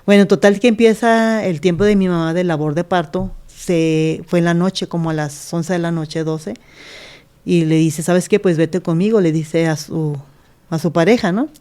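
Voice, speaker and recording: Her fairly low, mellow voice moves at a moderate pace as she, a middle-aged pastor, earnestly tells her life story in an interview. She reenacts scenes by speaking the quoted words of the people in them.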